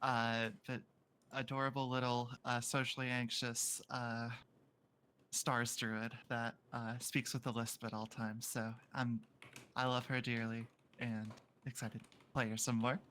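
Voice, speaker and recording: A man's voice: medium pitch, little pitch movement, a little slow, bright, forceful tone, slight background noise. A man introducing himself as a player in a tabletop game, upbeat and chatty. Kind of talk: casual chat.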